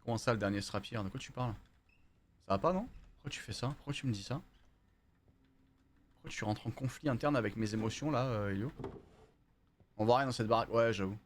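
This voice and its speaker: A man's voice: medium pitch, a little fast, pauses often, a little hiss or hum. A man giving live commentary on a horror game, jumpy, swearing and chatting with viewers. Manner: jumpy, swears, talks to chat. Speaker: streamer.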